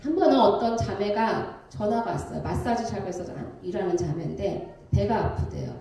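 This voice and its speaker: A pastor's wife in her thirties giving an animated testimony sermon, acting out the voices in her story. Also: mid-range voice, normal speed, a little hiss or hum. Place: church sanctuary. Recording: very echoey church from a distance.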